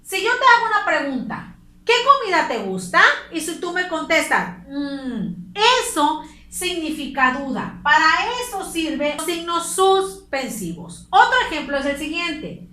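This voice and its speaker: Mexican woman, teacher for a kids' class, lively high voice, patient step-by-step explaining, echoey room. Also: normal speed. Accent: Mexican Spanish. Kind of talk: recorded class lesson for children.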